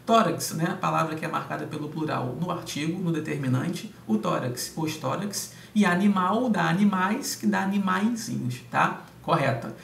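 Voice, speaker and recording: A man's voice: on the high side, expressive, moderate pace, vocal fry, hardly any pauses, fairly bright tone. A man teaching grammar, going through exam answers step by step and often checking in with his students. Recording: echoey room, distant mic, faint hum.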